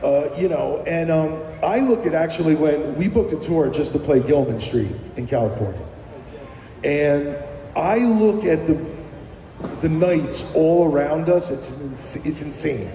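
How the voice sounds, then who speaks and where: A musician guest in an interview, this middle-aged New Jersey man has a fairly high, expressive voice with a dark tone, speaking a little slowly. He reminisces casually and rambles, stumbling over restarts and fillers. A little hiss or hum is audible, and the echoey room has long reverb.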